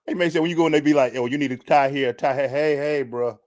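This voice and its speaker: A man co-hosting a sports talk show in casual, slangy conversation, throwing in drawn-out exclamations. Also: fairly high pitch, a little mellow, no echo. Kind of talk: casual chat.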